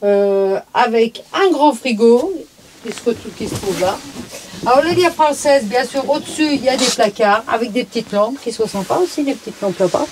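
A vlogger gives a casual walkthrough of a camper van, recorded inside it, cheerfully chatting as she points out features with small, simple words. Her voice is fairly high with lively intonation, at a normal speed, and there's background noise.

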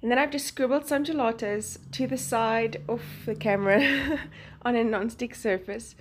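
Slightly high-pitched and at a normal pace, a woman narrates a craft voice-over for her Bible journaling channel, with a little hiss or hum on the audio. Her accent is South African, her first language Afrikaans, and she chats with plenty of laughter between phrases.

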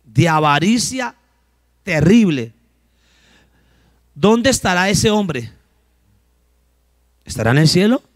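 Pastor preaching, high and close. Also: male voice, very animated, takes it slowly, pauses often, no echo. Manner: preaches with call-and-response questions, acting out little dialogues. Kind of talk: sermon.

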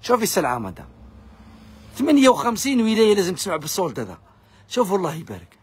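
A man with an Algerian accent, pitching fabric discounts in a pushy live sales video. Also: big pitch swings, breathy edge. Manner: rapid, pushy hawking to viewers. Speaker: fabric shop seller.

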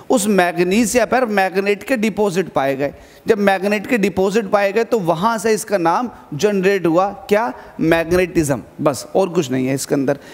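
A man's voice: sits high, in a large hall. A male physics teacher giving an exam-prep lesson to students, urging them on and repeating key points as he asks and answers his own questions.

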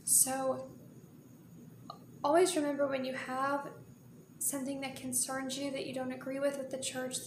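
A young woman in her twenties hosting a faith video, explaining in an earnest, measured way with small restarts, speaking to a camera in a small room. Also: sits high, flat delivery, echoey room, background noise. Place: small indoor room before a patterned curtain.

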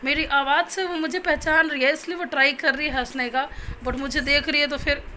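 A young woman, a new mother, talks casually to her viewers at home, chatty and offering plain advice directly, and slipping into cooing baby talk with her infant. Her high voice is steady, brisk, bright and forceful, though the audio is poor with slight hiss or hum.

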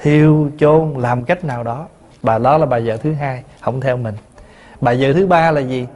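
A man's voice: medium pitch, moderate pace, a little mellow. A man, a Buddhist monk teaching a dharma talk in a storytelling way, asking his listeners questions.

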